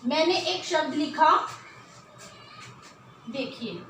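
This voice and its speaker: A woman leads a children's Hindi lesson in a very slow, drawn-out way, asking question after question as she sounds out each word. Her voice is very high and bright. The recording is echoey, with faint noise behind her. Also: lively intonation. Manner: slow, drawn-out syllables when sounding out words; patient explaining, frequent rhetorical questions. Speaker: Hindi teacher.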